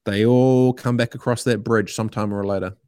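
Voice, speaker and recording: A man's voice: on the low side, steady tone, brisk, warm tone, clean tone, dry recording, clean studio sound. A middle-aged man with a New Zealand accent, talking casually and emphatically as a podcast guest, with plenty of slang and swearing. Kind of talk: casual opinionated conversation.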